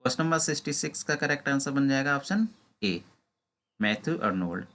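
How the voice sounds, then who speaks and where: A man with an Indian accent teaching an exam prep lesson, reading English questions out slowly and explaining them in Hindi. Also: medium pitch, animated, a bit bright.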